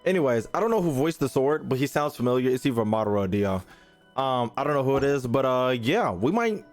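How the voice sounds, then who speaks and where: Brisk and very animated, this medium-pitched man streams games live, trading slangy, exclamatory banter with his audience and repeating himself often. Faint music plays behind him.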